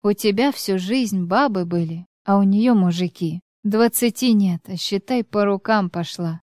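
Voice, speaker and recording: A woman's voice: medium pitch, unhurried, darkish tone, dry recording, clean studio sound, lightly acted. A woman reading a bitter, snapping ex-wife. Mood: scornful, bitter. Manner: scornful, snapping. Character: bitter, sharp-tongued ex-wife around forty.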